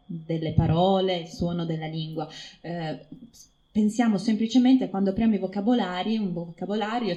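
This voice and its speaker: Woman speaker, low mellow voice, chatty lecture with many fillers, dull lo-fi room recording. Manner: explanatory, hesitant with many fillers. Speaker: phonetics researcher speaking at an event. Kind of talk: informal talk to an audience. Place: room with a live audience.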